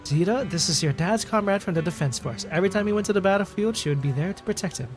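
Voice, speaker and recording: An actress voicing a composed war widow and mother in a video game, who speaks calmly and consolingly. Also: medium pitch, fast, music in the background, natural voice. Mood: gentle. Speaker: game character.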